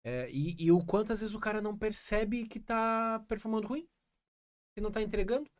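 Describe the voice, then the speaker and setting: A man's voice: high voice, a little fast. A man hosting a casual podcast conversation, affirming his guests and speaking hesitantly with many fillers. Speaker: podcast host.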